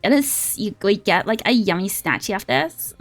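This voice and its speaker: A young woman streamer chats casually while gaming live, her lively pitch and normal-speed delivery full of excitement and profanity. She drifts into a put-on valley girl voice now and then, with faint music playing behind her.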